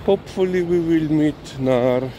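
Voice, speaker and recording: A slow-talking man, chatting as he walks his dog along city streets at night. His voice is mellow and unhurried, recorded on a phone with faint traffic noise behind him. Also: a little high. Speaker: dog owner vlogger. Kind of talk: casual walking commentary. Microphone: handheld phone camera filming while walking.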